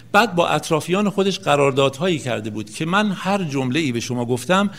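A man giving a spoken lecture, explaining points one by one and slowing down to recite verse. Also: mid-range voice, creaky. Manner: slows down to recite classical verse; calm explanatory delivery, listing points one by one. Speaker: lecturer on Rumi and Sufi practice.

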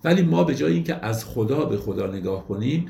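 A man giving a lecture on classical poetry, reciting verses slowly and then explaining them in plain everyday speech. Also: medium pitch, animated, gravelly, warm tone, reverberant.

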